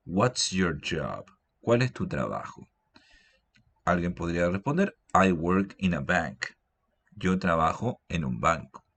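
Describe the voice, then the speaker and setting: A man teaches English grammar in a very deep voice. He takes his time, going over each example sentence slowly and patiently. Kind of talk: grammar lesson explained in Spanish.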